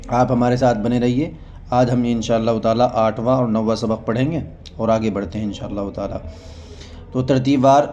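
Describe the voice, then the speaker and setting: A man's voice: mid-range voice, dark tone, dull audio, slight background noise. A man teaching a beginners' reading lesson, patiently sounding out short words one at a time.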